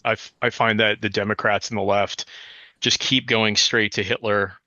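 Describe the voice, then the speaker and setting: Man, low voice, bright and forceful, halting, frustrated, dry dull lo-fi audio. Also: flat delivery, no room sound. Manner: halting, frustrated, repeats words. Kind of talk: candid personal comment.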